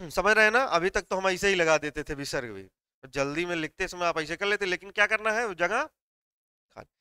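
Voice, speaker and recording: A man teaching a live online class, who explains step by step, puts questions to his students and dictates notes slowly word by word. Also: high voice, pushed and bright, clear, resonant tone, dry recording.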